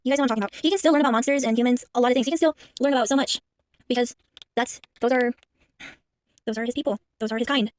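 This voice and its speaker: A young woman giving casual movie commentary in a rambling way, full of fillers and restarts. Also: high-pitched. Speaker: movie reaction vlogger.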